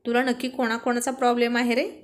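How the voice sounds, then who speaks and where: A woman's voice: fairly high pitch, monotone, quick pace, close to an everyday voice. A woman voicing a stubborn young man who mocks his friend in a spoken story. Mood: needling.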